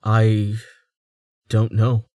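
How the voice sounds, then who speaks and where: A man voicing an exhausted, defeated young man who answers flatly and dejectedly in an audiobook. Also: fairly low pitch, extremely slow, no echo. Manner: flat, dejected delivery. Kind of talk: audiobook character voice.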